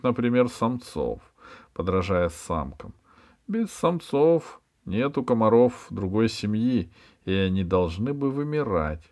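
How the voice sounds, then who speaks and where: A man's voice: fairly low pitch, darkish tone, pitched above the performer's own voice. A man reading aloud and voicing a proud, impatient young male biologist who lectures eagerly in a lifted voice. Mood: lecturing.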